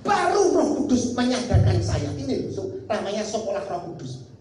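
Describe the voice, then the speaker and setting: A man's voice: high voice, big pitch swings, normal speed, background noise. A male pastor telling a personal story in a conversational sermon, often turning to the congregation. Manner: conversational, addresses the congregation as "saudara". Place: church hall. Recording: echoey church hall recording.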